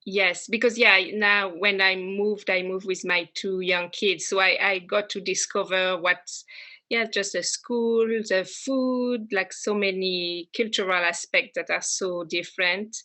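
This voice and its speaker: A French woman in her thirties with a bright, clear voice tells her story in a relaxed interview. Her English has a French accent, and she speaks with frequent ums, restarts and hesitations. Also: medium pitch, measured pace. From France. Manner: hesitant, many fillers and restarts, warm laughs. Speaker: interview guest. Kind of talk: casual conversational interview.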